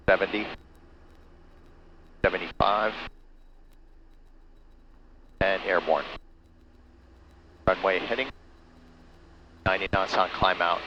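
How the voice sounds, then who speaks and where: A low-pitched man makes air traffic control radio calls as a pilot. He speaks in measured, procedural readbacks and callouts, with clear aircraft noise in the cockpit recording. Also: muffled recording. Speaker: pilot, video host. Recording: noisy aircraft cockpit audio.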